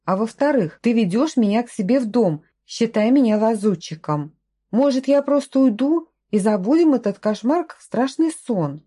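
A woman's voice: fairly high pitch, animated, moderate pace, mellow, slightly rough, voice pushed up. A woman reading the lines of a frightened but defiant young woman who answers back sharply, in a storybook reading.

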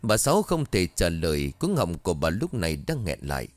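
A man narrating a ghost story in a low voice. His reading is expressive, with pitch that rises and falls dramatically, and it is recorded close and dry with no room sound. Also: fairly quick, no echo.

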